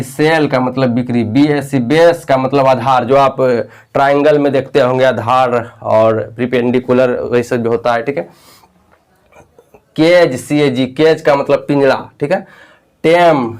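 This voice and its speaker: A man teaching English spelling and pronunciation to learners, repeating words and spelling them out letter by letter. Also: mid-range voice. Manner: addresses viewers directly with frequent "okay".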